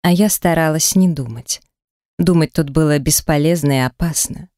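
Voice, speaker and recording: A woman narrating a first-person romance audiobook in an intimate, breathy manner on a close studio mic. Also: low-pitched, moderate pace, warm tone, dry recording.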